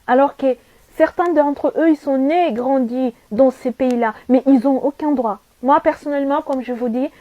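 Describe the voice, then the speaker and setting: A young woman from Saudi Arabia gives an earnest personal testimony in a high, soft-toned voice. She presses her points with repetition and rhetorical questions. The sound is dry and a little dull, like a lo-fi recording. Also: moderate pace, no room sound. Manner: earnest and emphatic, repeats herself, asks rhetorical questions. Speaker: vlogger giving testimony.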